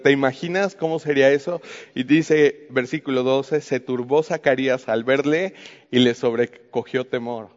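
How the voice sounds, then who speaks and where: A man with a Mexican accent teaching from the Bible in a conversational way, often asking the listener questions. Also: medium pitch. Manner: talks to the listener with frequent questions. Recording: muffled with long hall reverb.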